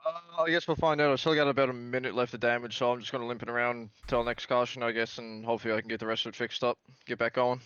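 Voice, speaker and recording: A man, a race driver, talks quickly and calmly through a voice-chat line. His voice is smooth, and the line is dry and a bit dull. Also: medium pitch, no echo. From Canada. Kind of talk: casual chat over voice call.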